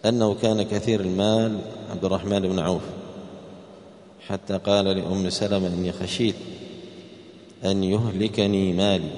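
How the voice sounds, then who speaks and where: A man teaching Quran exegesis, posing rhetorical questions and answering them, and raising his voice sharply for quoted speech. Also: a little mellow. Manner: raises pitch and volume sharply for quoted speech. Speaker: Islamic teacher. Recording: echoey hall with long reverb.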